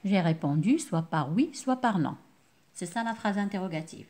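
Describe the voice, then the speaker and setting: Lively-voiced woman teaching a class. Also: medium pitch. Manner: explains slowly, repeats key words, asks the class questions. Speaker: primary school teacher. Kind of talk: remote classroom lesson.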